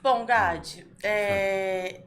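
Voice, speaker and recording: A woman hosts a casual podcast, welcoming viewers and asking her guest easygoing questions. Her voice sits at a middle pitch, with a faint hiss in the background. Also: steady tone, extremely slow, fairly bright tone. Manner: friendly, conversational questions. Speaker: podcast host.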